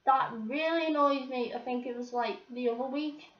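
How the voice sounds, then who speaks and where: A woman's voice: high-pitched, steady tone, moderate pace, distant mic. A teenage girl, swearing and complaining as she rants to the camera. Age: teens. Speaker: vlogger. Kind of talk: ranting to camera. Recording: roomy, off-mic, dull lo-fi sound.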